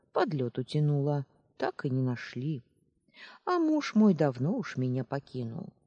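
A reader voicing a kindly, grumbling old village woman with a hoarse voice in an audiobook. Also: medium pitch, mellow, dry recording. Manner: good-natured grumbling, scolding. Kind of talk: audiobook character voice.

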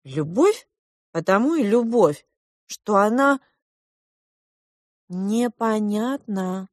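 A woman's voice: mid-range voice, expressive, slow, no echo, studio quality, pitched above the performer's own voice. A woman reading a storybook aloud and voicing a proud, argumentative boy prince from an undersea kingdom, with a haughty, lecturing tone. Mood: earnest.

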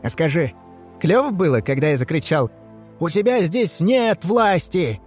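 A man doing a calm cocky house spirit. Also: fairly high pitch, unhurried, faint music behind, pitched above the performer's own voice. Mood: pleased. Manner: calm, matter-of-fact.

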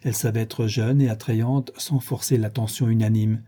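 A man reading a classic novel aloud as an audiobook, measured and even. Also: fairly low pitch, husky. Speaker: audiobook reader. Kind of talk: scripted narration of a classic novel.

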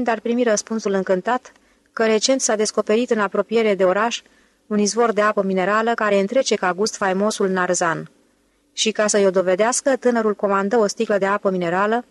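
A woman narrating a novel in an audiobook with a steady, even reading. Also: medium pitch, no echo. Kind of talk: scripted narration.

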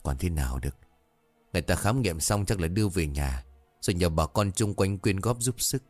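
A man's voice: deep voice, lively intonation, brisk, no echo, soft background music. A man playing a stern village father. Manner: firm, scolding.

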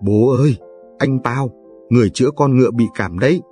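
A man reading aloud, voicing a poor, cheerful young villager who talks loudly and hurriedly. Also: fairly low pitch, animated, soft background music, close to an everyday voice. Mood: eager. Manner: loud, hurried and warm.

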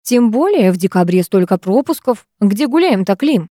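A woman's voice: mid-range voice, big pitch swings, normal speed, dark tone, no room sound, clean studio sound. A woman voicing a weary male literature teacher who scolds his class with patient irony.

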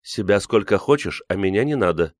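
A man reading an audiobook, voicing a sharp-tongued, bitter young woman who mocks her friends. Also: on the low side, animated, fairly quick, dry recording, studio quality. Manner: mocking, biting.

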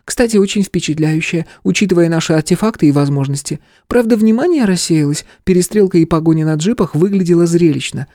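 A man's voice: a little high, fast, hardly any pauses, mellow, no echo, clean studio sound, voice pushed up, lightly acted. A man reading an audiobook voices a brash, tipsy young brunette woman who teases skeptically. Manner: skeptical, teasing.

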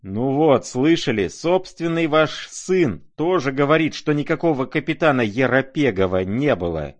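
Male reader voices a sneering young man, sarcastic, pitched up, lively. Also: normal speed, lightly acted. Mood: gloating. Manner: sarcastic, needling.

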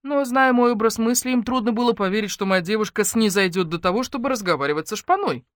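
A woman voicing a calm, guarded young man in an audiobook, who speaks evenly with a lightly ironic, evasive manner. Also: on the high side, fast, no room sound, studio quality, voice pushed up, close to an everyday voice. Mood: soothing. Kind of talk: audiobook character voice.

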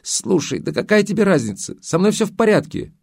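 A man reading an audiobook, voicing a spoiled, defiant young woman in a raised girlish pitch. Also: expressive, fairly quick, a little mellow, no room sound, lightly acted. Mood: petulant, defiant. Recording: dry close studio sound.

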